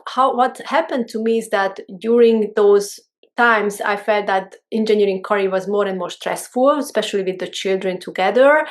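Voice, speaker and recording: A middle-aged woman with a Hungarian accent and a medium-pitched voice appears as a guest in a casual interview, where she is introduced as a holistic mentor. She speaks haltingly, restarting often.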